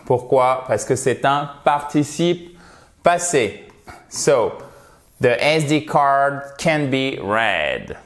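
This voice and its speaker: A man's voice: medium pitch, lively intonation, extremely slow. A man teaching English vocabulary in a language lesson, patiently repeating words for pronunciation.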